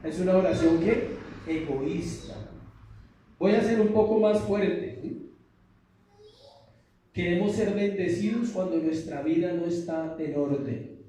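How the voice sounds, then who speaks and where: Man, pastor, emphatic sermon, higher voice, mellow tone, echoey church hall, distant mic. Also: slow pace, pauses often, slight background noise. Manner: emphatic call-and-response preaching.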